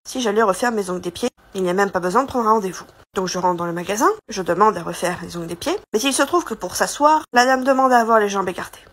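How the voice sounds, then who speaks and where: A woman with a husky voice telling a storytime monologue in a dramatic, emphatic way. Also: mid-range voice. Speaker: social media storyteller.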